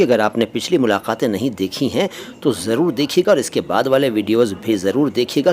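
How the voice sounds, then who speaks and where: A man hosting a casual vocabulary lesson, explaining words patiently with small hesitations, recorded on a phone inside a moving train. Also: medium pitch. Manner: explanatory, with frequent hesitations and pauses. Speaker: language teacher and channel host.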